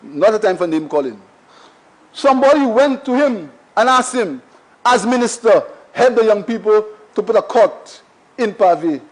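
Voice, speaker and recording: Lively intonation and a moderate pace mark this Saint Lucian member of parliament's high voice. He makes a passionate, repetitive speech in the chamber, packed with rhetorical questions, though the audio quality is poor.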